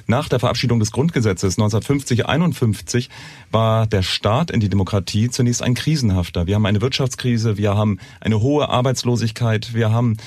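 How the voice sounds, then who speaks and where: A man's voice: lowish voice, a little fast, a little mellow, dry recording. A man speaking as a guest historian in a panel discussion, fluent and explanatory, laying out points in a row.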